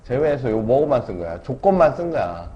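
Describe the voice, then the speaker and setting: In this dull, lo-fi classroom recording with faint noise, a man gives a casual math lecture. His mid-range voice is warm, fairly quick, and swings widely in pitch, and he keeps checking in with the class through tag questions as he explains.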